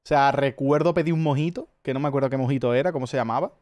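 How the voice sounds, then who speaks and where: A man with a Spanish accent from Spain chats casually as a streamer, racing along in a medium-pitched, darkish voice. He tells rambling stories packed with swearing.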